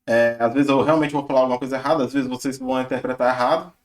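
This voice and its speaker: A man's voice: mid-range voice, rapid-fire. A young man, casually walking viewers through his notes on learning Japanese and chatting with lots of tag questions. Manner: chatty, relaxed, filler-heavy with tag questions. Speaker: channel host sharing his Japanese study. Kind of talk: casual screen-share walkthrough.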